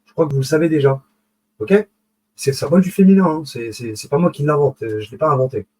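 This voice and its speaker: A fast-talking man with a fairly high, darkish voice gives a casual live online lecture on esoteric symbolism, heard in a rough recording. He digresses, corrects himself, checks in with listeners, and fills his speech with fillers and restarts.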